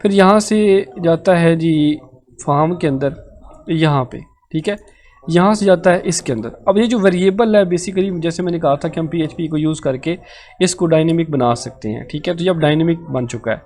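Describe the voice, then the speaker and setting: A man's voice: on the high side, normal speed, darkish tone. A man with a Pakistani Urdu accent teaching a live online coding lesson, explaining step by step and checking in often. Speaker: programming tutor. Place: live online class session.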